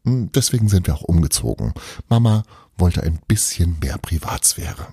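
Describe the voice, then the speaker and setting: A man's voice: low voice, animated, normal speed, dark tone, slightly rough, no room sound, studio quality, full character voice. A man voicing a witch's daughter who patiently sets others straight in a storybook reading. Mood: explaining. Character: young female witch's daughter, bossy and explaining.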